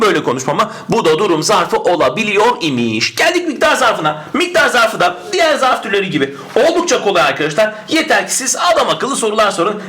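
An energetic man teaches a grammar lesson for exam prep, his voice pitched high and swinging widely as he stresses each point. He often asks a student's question aloud and answers it himself. His tone stays bright and emphatic throughout.

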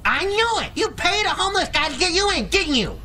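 A man playing a stern, officious cinema ticket seller in an animated film. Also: very high-pitched, a little fast, exaggerated voice. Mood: accusing.

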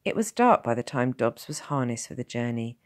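Expressive woman reading a novel aloud. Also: rumbling low, brisk. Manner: expressive, voices each character. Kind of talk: storybook narration.

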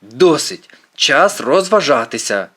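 A man voicing a boastful, excitable teenage boy hero in an audiobook. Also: mid-range voice, normal speed. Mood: excited. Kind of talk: audiobook character voice.

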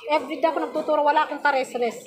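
A woman working as a domestic helper, chatting casually and animatedly as she retells a quarrel with her employer. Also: high voice. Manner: animated, talks fast, quotes others. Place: busy fast-food restaurant, indoors. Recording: loud restaurant crowd chatter.

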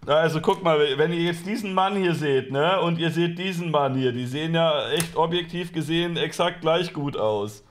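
A young man with a high voice for a man comments on a clip over his stream. He mocks what he hears, swears, and laughs a lot. His delivery is loose and sarcastic. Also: moderate pace, hardly any pauses, slight background noise. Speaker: streamer reacting to a talk show clip. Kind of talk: mocking live-stream commentary.

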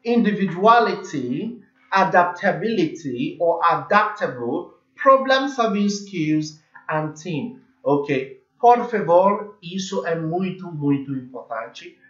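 Echoey, higher-voiced man with English-accented Portuguese. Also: animated, takes it slowly, fairly bright tone. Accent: English-speaker's foreign accent in Portuguese. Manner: repetitive, emphatic, often checking with "okay?". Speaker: online English teacher. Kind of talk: informal lesson mixing English and Portuguese. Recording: echoey room, dull muffled sound.

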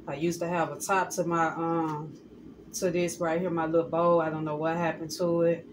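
A woman's voice: deep voice, normal speed. A woman, chatting casually to viewers as she cooks in her home kitchen. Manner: relaxed, chatty, addresses viewers as y'all. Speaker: cooking vlogger. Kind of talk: casual cooking vlog narration. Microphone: phone camera held close or set on counter. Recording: noisy home kitchen phone recording.

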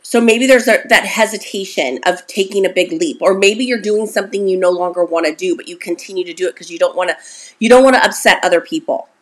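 A woman in her forties, working as a self-esteem coach, gives a casual motivational talk to camera, chatty and encouraging and often checking in with her listener. Her voice sits in the mid-range and moves fast.

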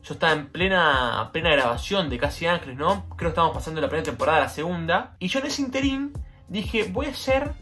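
Animated Argentine young man telling a story. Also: fast, soft background music. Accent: Rioplatense Argentine Spanish. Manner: animated, slangy, jumps in pitch when telling the story. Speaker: vlogger. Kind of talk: casual anecdote storytelling. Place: at home.

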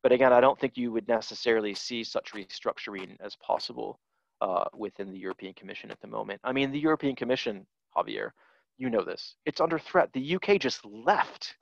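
Guest lecturer on a headset, dry muffled call audio, thinks aloud with lots of ums. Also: male voice, mid-range voice, brisk, vocal fry, no echo. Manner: thoughtful, fluent with fillers. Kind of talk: academic Q&A answer. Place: office with posters on the wall. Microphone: headset on a video call. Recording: dull video call audio.

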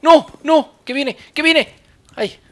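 Excitable high-voiced Spanish gamer. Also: male voice, slow, a little hiss or hum. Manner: excitable, repeats words in bursts. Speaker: gaming YouTuber. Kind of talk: live gameplay commentary.

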